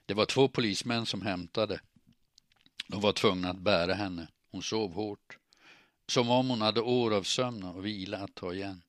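A man reading a novel aloud as narrator, in measured, even storytelling. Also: lowish voice, no echo, studio quality. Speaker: audiobook narrator. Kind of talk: scripted narration.

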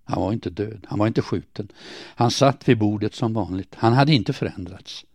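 Male narrator, gravelly and mellow, quiet somber diary reading, dry close sound. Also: lowish voice, dry recording. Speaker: audiobook narrator. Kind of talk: first-person diary reading.

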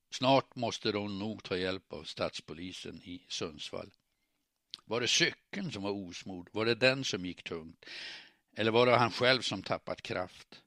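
A man reading an audiobook aloud in steady, measured narration. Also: deep voice, dry recording, clean studio sound.

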